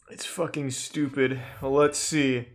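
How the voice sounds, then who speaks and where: A man on a live stream reacts casually with sarcastic, swear-laden quips, pausing to thank viewers. His voice has a gravelly edge and sits at a middle pitch.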